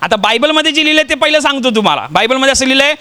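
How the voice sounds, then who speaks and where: A man's voice: very high-pitched, animated, racing, pushed and bright, clean tone. A man from Maharashtra preaching a sermon, telling stories and putting rhetorical questions to the congregation. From Maharashtra, India.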